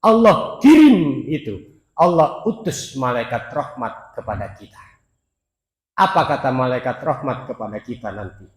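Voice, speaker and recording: A man preaching a sermon at a mosque, swinging between loud calls and soft near-whispers and chanting Arabic verses, speaking directly to the congregation. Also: medium pitch, very animated, a little slow. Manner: addresses the congregation directly as "Pak". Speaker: preacher at a dawn mosque study. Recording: echoey mosque hall with long reverb.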